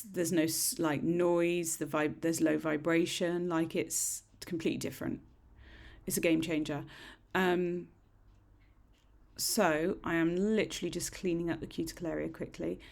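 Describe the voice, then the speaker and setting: A middle-aged nail technician talks casually through a nail tutorial, rambling and poking fun at herself. Her husky, slightly croaky voice sits low and is a little mellow, picked up by a desk microphone.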